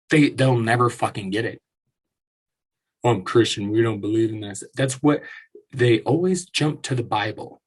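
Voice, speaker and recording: Man, podcast host, husky voice, casual solo rant, profane, exasperated, stumbles and restarts. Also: mid-range voice.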